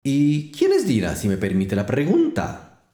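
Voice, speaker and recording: A man voicing a courteous, formal parrot in a told fairy tale, unhurried and polite. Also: medium pitch, wildly swooping pitch, warm tone, reverberant. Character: courteous old parrot, sighing.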